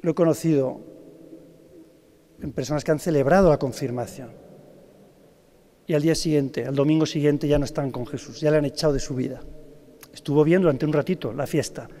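A man preaches a Holy Week address, drawing in his listeners with questions. His voice sits fairly high for a man. A long cathedral reverb trails every phrase. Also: a little fast, long pauses, mellow. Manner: engaging, asks the audience questions. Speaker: Holy Week proclamation speaker. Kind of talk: preaching to a congregation. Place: large cathedral.

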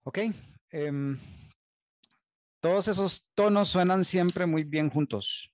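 A man's voice: fairly high pitch, takes it slowly, lo-fi sound, noisy background. A man giving a university lecture, thinking aloud, restarting phrases and often checking in with "¿Ok?". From Costa Rica. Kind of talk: recorded online lecture.

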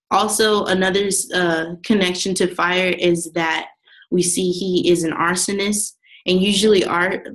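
Reading her class presentation off slides, a young woman speaks in a fairly low voice, flat and even, restarting now and then. She sounds like a student going through prepared notes, and the recording is rough.

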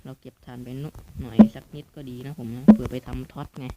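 A man's voice: medium pitch, fairly even intonation, fast, very noisy. A man hosting a gaming channel, chatting loosely through his game with lots of fillers, recorded on a phone. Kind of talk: casual game commentary. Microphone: playing on a mobile phone, no headphones.

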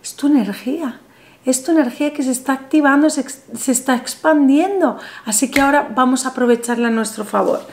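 A woman in her thirties, host of a spiritual channel, sits at a table in a small bright room and talks straight to the camera while leading a money ritual. Her high voice runs a little fast but stays soothing and instructive, with a little hiss or hum in the audio.

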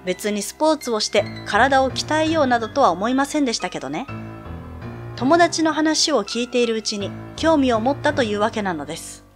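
A woman reading aloud as a male high school student who calmly tells a ghost story from a sound novel. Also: a little fast, faint music behind, natural voice. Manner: calm, storytelling.

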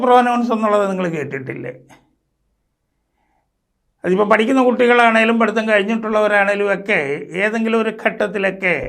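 High-voiced man teaching grammar. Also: creaky, fairly bright tone. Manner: explanatory, slow, listing terms one by one. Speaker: English teacher. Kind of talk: spoken English lesson.

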